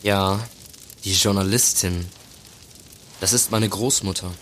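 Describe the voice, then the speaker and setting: Radio play: young actor as eager, courteous student journalist, low-ish pitch, a bit unsure. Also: male voice, fairly even intonation, slow, a bit bright, a little hiss or hum. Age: young adult. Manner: polite, hesitant.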